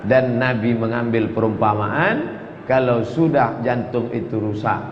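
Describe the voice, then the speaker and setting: Preacher in an echoey hall. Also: male voice, mid-range voice, measured pace. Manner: animated preaching, chanting Arabic verses, rising emphatic repetitions. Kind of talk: sermon. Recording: echoey hall, dull lo-fi sound, faint noise.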